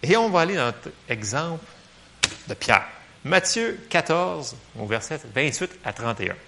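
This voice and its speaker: A man with a Québécois French accent, preaching a casual sermon in a church, lively and joking, full of fillers. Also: fairly high pitch, unhurried, vocal fry.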